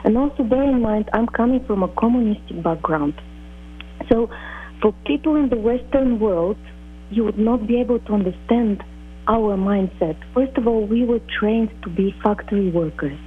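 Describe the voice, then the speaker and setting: A middle-aged woman from Bulgaria, a guest telling her life story in an earnest, measured, sometimes halting way. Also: medium pitch, husky. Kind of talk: reflective personal storytelling. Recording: phone-like narrow audio.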